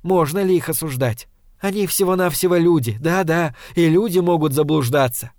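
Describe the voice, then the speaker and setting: A composed, high-ranking woman in an audiobook, read by a man in a fairly high voice of his own. She reasons in a calm, measured way, and the reading is close and dry. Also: no room sound, close to an everyday voice. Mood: reasoning. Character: composed woman of high rank, cool, then tender.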